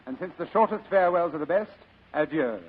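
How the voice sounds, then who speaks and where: An actor playing an urbane, fat criminal mastermind in a 1940s radio drama, speaking in a florid, courtly manner. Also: male voice, on the high side, lively intonation, brisk, husky. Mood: smugly courteous. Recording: narrow-band old radio recording.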